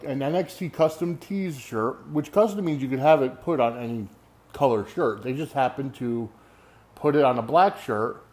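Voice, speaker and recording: A man's voice: medium pitch, darkish tone. A man giving casual solo sports commentary as a podcast host, conversational and emphatic, often checking in with listeners.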